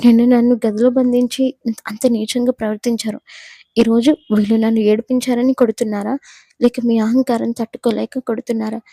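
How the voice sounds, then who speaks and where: A woman voicing a young female college student who is defiant and tearful, loud and accusing, in a Telugu audio story. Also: a little high, level tone, fairly quick, dry recording.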